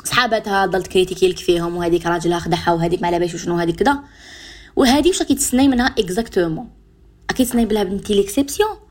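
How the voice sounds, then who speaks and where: A woman radio host with an Algerian Arabic accent talks at a rapid clip, her pitch sitting in an ordinary middle range. She speaks directly to her listeners and walks them through examples. She mixes French and English words into her dialect. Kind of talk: advice talk to listeners.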